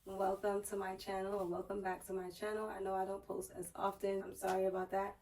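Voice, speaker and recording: Female vlogger, hoarse and strained as if recovering a lost voice, mid pitch, casual explainer delivery, slightly off-mic. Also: level tone, fairly quick, darkish tone, far from the mic, slight background noise, poor audio. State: hoarse, strained voice just back after losing it, sore throat. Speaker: YouTube vlogger. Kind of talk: casual personal finance vlog.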